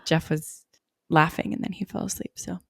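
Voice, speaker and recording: A woman's voice: on the low side, steady tone, normal speed, gravelly, a bit bright, slightly rough, dry recording, clean studio sound. A young woman co-hosting a podcast, chatting casually, laughing often and filling her talk with "like". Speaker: podcast co-host. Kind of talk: casual chat.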